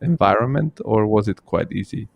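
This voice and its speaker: A man's voice: lowish voice, moderate pace, gravelly, muffled recording, slight background noise. A man who grew up in Italy, hosting a casual interview and talking hesitantly with many fillers and restarts. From born in Bulgaria, grew up in Italy. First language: Bulgarian or Italian. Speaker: podcast host.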